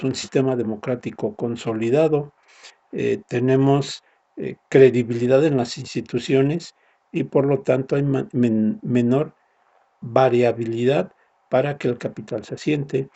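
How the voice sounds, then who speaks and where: Male lecturer, mellow gravelly delivery, explanatory with tag questions. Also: medium pitch, dull audio. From Mexico. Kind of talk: recorded university lecture.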